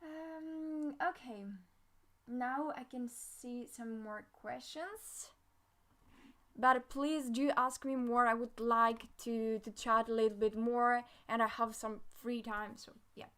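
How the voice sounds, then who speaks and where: A woman's voice: fairly high pitch, steady tone, slow pace, a bit bright. Chatty young woman hosting a live Q&A. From Greece. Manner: chatty, many fillers, reads comments aloud. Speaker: live Q&A host, front-end developer. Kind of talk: casual live-stream Q&A.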